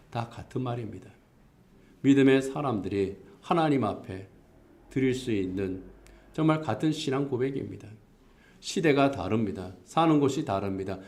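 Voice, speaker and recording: A man's voice: medium pitch, a little mellow. A male pastor delivering a Sunday sermon, earnest in tone, his voice rising for emphasis and reading scripture aloud. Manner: reads scripture aloud with the congregation.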